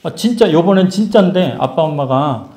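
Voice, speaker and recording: A man voicing a male police officer who slowly and gently coaxes small children to come with him. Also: lively intonation, reverberant, natural voice. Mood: coaxing. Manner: slow, low, coaxing.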